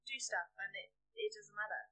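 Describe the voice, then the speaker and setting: A woman's voice: mid-range voice, fairly quick, pushed and bright, slight background noise. A young British woman, a single mum, chatting as a podcast guest in a frank, down-to-earth way. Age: young adult. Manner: frank, down-to-earth, a self-described worrier. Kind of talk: casual chat.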